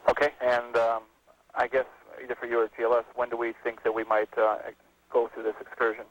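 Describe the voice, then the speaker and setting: A man's voice: medium pitch, completely flat delivery, brisk. A man directing a launch test, asking short methodical procedural questions over a radio communications loop. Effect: radio comms loop transmission. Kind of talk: mission control loop communications. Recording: narrow phone-like radio band, dry.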